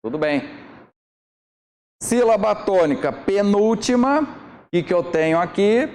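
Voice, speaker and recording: A man's voice: high-pitched, animated, a little slow, a little mellow. A man teaching exam prep, working through questions step by step and often checking that listeners are following.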